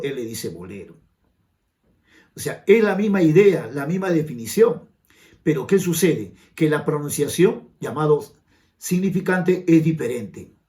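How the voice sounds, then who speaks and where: A man's voice: fairly high pitch, mellow. A Peruvian man with a Peruvian Spanish accent, teaching a grammar lesson for an admission exam and asking the viewers rhetorical questions. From Peru. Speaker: language teacher.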